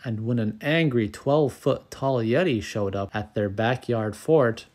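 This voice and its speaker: A man narrating a children's picture book aloud, calm and clear, as the channel's storyteller. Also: medium pitch, a little slow.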